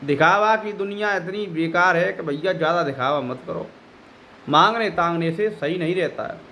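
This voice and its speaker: Man, high voice, spiritual teacher, scolding tone, faint hiss behind. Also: moderate pace, bright, forceful tone. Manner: scolding, admonishing. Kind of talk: devotional discourse.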